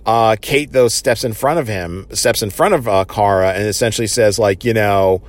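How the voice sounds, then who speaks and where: A man talks through a TV episode recap in a relaxed, unscripted way. His voice sits on the low side, and he rambles, leaning on "you know" and "uh" as he goes. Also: moderate pace. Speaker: TV episode reviewer.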